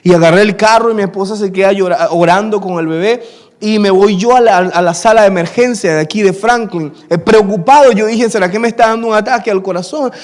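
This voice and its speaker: A man's voice: sits high, fairly quick. A man, preaching a sermon and telling a personal story, acting out the dialogue. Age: 30s. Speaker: pastor.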